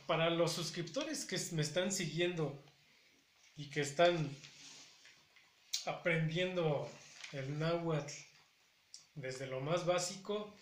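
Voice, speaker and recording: A man gives a language lesson, patiently repeating each word. His voice sits a little high and moves very slowly. The recording carries a noticeable room echo. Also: a bit bright, a little hiss or hum. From Puebla, Mexico. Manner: patient, repeats words slowly to show pronunciation. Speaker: Nahuatl language teacher. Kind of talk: spoken language lesson to camera. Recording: echoey room.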